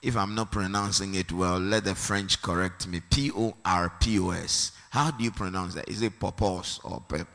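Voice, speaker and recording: A man's voice: low voice, gravelly, fairly bright tone. Preaching man in an echoing hall. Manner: slow and emphatic, rising to a sung, preaching cadence. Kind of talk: sermon. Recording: long reverb of a hall.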